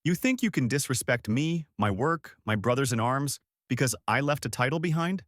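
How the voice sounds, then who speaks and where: A man's voice: lively intonation, normal speed, fairly bright tone, no echo, clean studio sound, natural voice. A man reading as a defiant, dignified young man. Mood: firm. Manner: low, firm and cutting.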